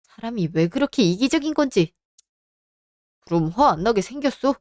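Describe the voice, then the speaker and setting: A woman's voice: fairly high pitch, animated, moderate pace, a little mellow, no echo, studio quality. A woman in her thirties who narrates and plays a composed, cutting wife in a radio drama. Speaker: narrator and lead of a story drama.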